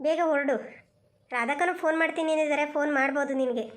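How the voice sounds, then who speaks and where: A woman voicing a friendly, practical village neighbour in a cartoon, who talks briskly. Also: high voice, close to an everyday voice. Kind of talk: cartoon voice acting.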